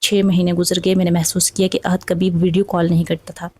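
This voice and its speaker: A woman's voice: on the low side, level tone, warm tone, no room sound. A woman telling an emotional first-person story in a dramatic, sorrowful way. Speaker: narrator.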